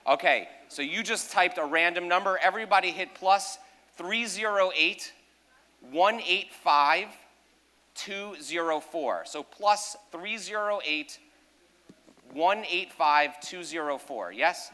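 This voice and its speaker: A man's voice: high-pitched, slow pace, bright, forceful tone. Upbeat man doing stage patter. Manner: joking, self-deprecating, talks to audience. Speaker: magician performing at a gala. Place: large ballroom.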